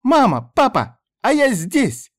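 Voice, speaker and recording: A man voicing a bold seven-year-old girl who shouts in a shrill voice from a storybook. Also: wildly swooping pitch, takes it slowly, exaggerated voice. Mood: gleeful shouting. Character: excited little red-haired girl, seven, bold.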